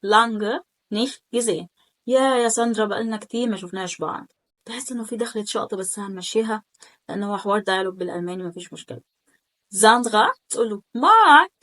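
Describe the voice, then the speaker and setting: A woman with an Egyptian Arabic accent teaching German in a chatty online lesson, slowly repeating phrases for practice. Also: a little high, fairly bright tone.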